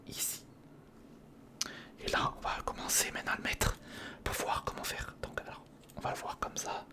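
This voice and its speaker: In this ASMR video, the male host whispers through a hands-on build. He thinks aloud in murmurs and chats casually and warmly with whoever's watching.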